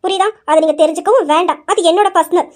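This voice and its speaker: A woman's voice: very high-pitched, very fast. A woman voicing a young wife who sharply refuses to let her husband question her. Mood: defiant. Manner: sharp, scolding, insistent. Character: young wife, defiant and independent.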